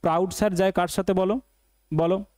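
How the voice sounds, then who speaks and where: A man's voice: high-pitched, steady tone, fairly quick, a little mellow, no room sound. A man with a Bengali accent teaching an exam-prep English lesson, repeating each question and answer as a drill.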